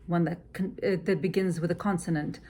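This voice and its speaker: A woman who is an opera singer, explaining how she works through a scene in a measured, teacherly way, often dropping to a soft near-whisper. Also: on the low side, steady tone. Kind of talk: teaching walkthrough.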